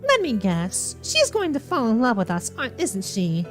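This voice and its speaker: Faint music sits behind this woman as she does playful, theatrical commentary on a visual novel, reading dialogue aloud with a sassy, teasing edge. As a streamer reacting to these games, she speaks at a normal speed in a slightly high voice that swoops wildly in pitch.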